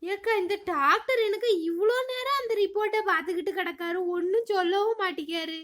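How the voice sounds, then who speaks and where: A woman doing a bright squeaky cartoon girl, worried. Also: a little fast. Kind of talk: cartoon comedy voice acting.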